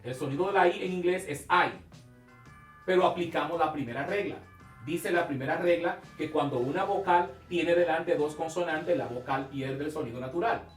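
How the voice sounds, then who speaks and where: A man teaching English pronunciation in a televised class, speaking slowly and emphatically, drawing out key sounds and praising his viewers. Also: a little high, reverberant, far from the mic, soft background music. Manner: asks questions and praises the viewer.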